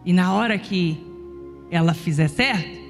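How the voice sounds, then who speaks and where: A woman's voice: on the low side, unhurried, long reverb tail, soft background music. A middle-aged woman preacher telling a chatty family story in her sermon. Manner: animated, chatty anecdotes.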